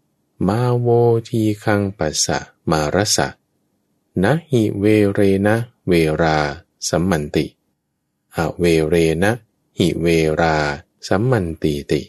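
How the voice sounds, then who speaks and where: A man's voice: sits low, expressive, darkish tone, no room sound, clean studio sound, heavily acted. A man doing a solemn old condemned king. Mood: solemn pleading. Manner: slow, raised, solemn chanting delivery.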